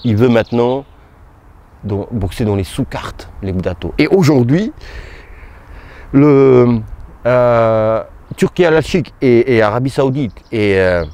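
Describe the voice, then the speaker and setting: A man giving casual, halting boxing commentary straight to his viewers, as if chatting with a friend. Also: medium pitch, expressive, warm tone. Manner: hesitant, halting, talks to viewers as "tu". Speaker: boxing YouTuber.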